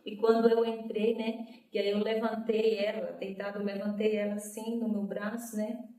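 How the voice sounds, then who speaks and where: This is an emotional testimony from a woman appearing as a guest, who performs the voices of the people in her story by lifting her pitch on quoted lines. She speaks in a mellow, level tone at a moderate pace. An echoey room and a distant mic shape the sound.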